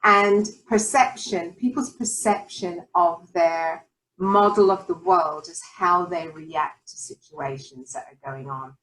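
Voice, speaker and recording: A woman's voice: fairly low pitch, slow pace, a bit bright, rough recording. An older British woman hosting a casual interview, reflective and encouraging as she talks. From Britain. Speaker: host.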